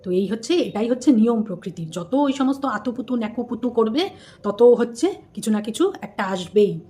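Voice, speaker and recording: A woman's voice: a little high, animated, normal speed, warm tone. A woman from India hosting a casual commentary vlog, chatty and scolding, repeating herself and tossing rhetorical questions at viewers. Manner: scolding, repetitive, rhetorical asides. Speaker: host.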